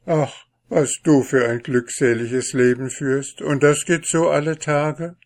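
A man's voice: mid-range voice, steady tone, takes it slowly, darkish tone, voice pushed up. A man voicing a shy, unlucky young man in a fairy tale, speaking timidly and pleadingly.

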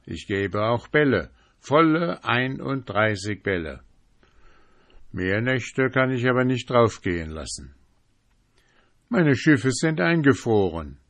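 A man's voice: lowish voice, fairly bright tone, no room sound, heavily acted. A man voicing January, a hearty, boastful merchant in furs, in a storybook reading. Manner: proud, boastful. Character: hearty fur-clad male merchant January.

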